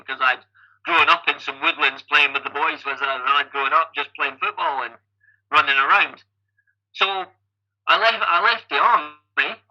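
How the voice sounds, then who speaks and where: A Scottish man in his fifties, a guest athlete and coach, chats through his story in an interview, repeatedly restarting sentences and echoing their opening word. His voice sits a little high and sounds very bright and forward, though the recording is muffled.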